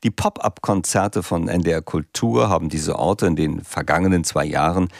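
Deep gravelly male radio presenter. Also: no room sound, studio quality. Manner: measured, announcing. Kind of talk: scripted news presenting. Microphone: close studio mic.

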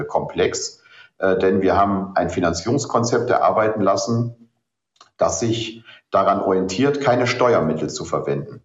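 A very low-voiced man, a politician, explaining his positions earnestly and hesitating with ums as he goes. His voice carries a roomy echo, and the sound is a little dull. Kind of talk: interview answers.

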